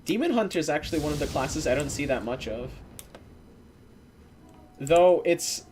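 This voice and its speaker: A man's voice: a little high, moderate pace, a little hiss or hum. A man streaming a game, chatting casually with viewers and swearing now and then. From Eastern European descent. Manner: relaxed, swearing, chatting to viewers while playing. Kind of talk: casual gameplay commentary.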